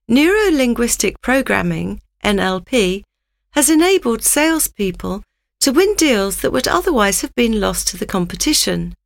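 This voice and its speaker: Narrator, female: raised, animated pitch with a dry, close sound, measured and instructive. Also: vocal fry, no room sound. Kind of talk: scripted narration.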